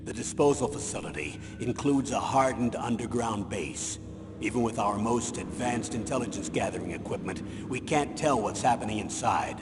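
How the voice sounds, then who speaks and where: An actor playing a grave military colonel in a video game, delivering a commanding briefing. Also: male voice, fairly low pitch, animated, normal speed, lightly acted. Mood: firm, matter-of-fact. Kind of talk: scripted video game voice acting. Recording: echoey hall, noisy ambience.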